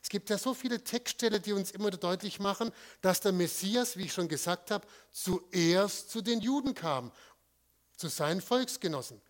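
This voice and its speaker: A man preaching a sermon with slides, asking rhetorical questions and stressing single words with pauses. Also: high-pitched, animated. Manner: emphatic, asks rhetorical questions and answers them.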